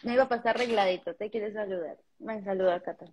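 A woman's voice: medium pitch, fast, darkish tone, dull audio, a little hiss or hum. A young woman from Colombia chatting casually and playfully on a livestream, teasing her friends and laughing often. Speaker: livestream co-host.

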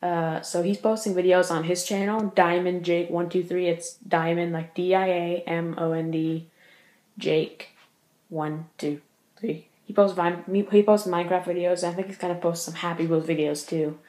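A male vlogger giving a casual update from home, talking fast, stuttering and filling gaps with uh and like. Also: high voice, level tone, darkish tone, echoey room. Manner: speaks fast, stutters, lots of uh and like. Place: room at home.

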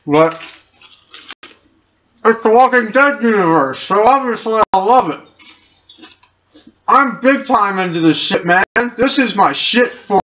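A man's voice: fairly high pitch, a bit bright, muffled recording. Rambling young guy commenting on a game. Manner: rambling, talks with mouth full of chips. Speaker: let's play gamer. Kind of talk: casual gameplay commentary.

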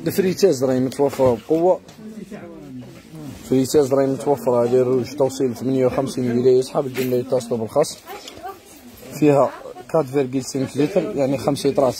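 Fast-talking Algerian salesman in a crowded shop. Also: mid-range voice, fairly even intonation, crowd noise. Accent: Algerian Arabic. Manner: calls out prices and addresses customers directly. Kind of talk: rapid sales patter. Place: busy housewares shop.

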